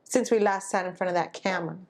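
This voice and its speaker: A woman's voice: fairly low pitch, fast. A woman in her twenties co-hosting a casual chat podcast, telling stories in a chatty way and slipping into Spanish phrases. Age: 20s. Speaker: podcast co-host.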